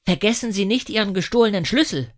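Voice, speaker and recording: A man's voice: high-pitched, animated, fast talker, voice pushed up. Man doing an eager young boy detective.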